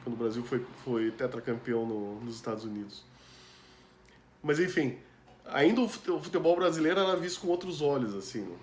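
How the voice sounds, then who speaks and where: A man's voice: mid-range voice, lively intonation, a little fast, a little hiss or hum. A man from Brazil with a Brazilian Portuguese accent, telling a personal story in a loose, chatty way. He fills his talk with asides and tag questions and laughs often. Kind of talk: casual storytelling chat. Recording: roomy echo with faint ambience.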